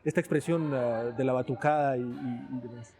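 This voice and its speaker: A man's voice: medium pitch, fairly even intonation, moderate pace, darkish tone. A man interviewing a guest in a conversational style.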